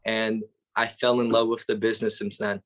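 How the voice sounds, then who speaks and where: A man's voice: fairly low pitch, little pitch movement, fairly bright tone. A young man, eagerly answering interview questions as a guest over a video call. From Albania. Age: young adult. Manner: eager, enthusiastic, talks quickly in short bursts. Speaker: guest, real estate student.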